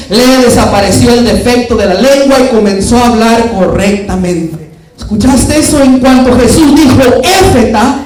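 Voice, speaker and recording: A man's voice: sits high, darkish tone. Man preaching in a very echoey hall. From California. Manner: switches between Spanish and English, acts out voices. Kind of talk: energetic preaching with acted stories. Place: church prayer meeting hall. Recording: very echoey hall, mic far off, faint noise.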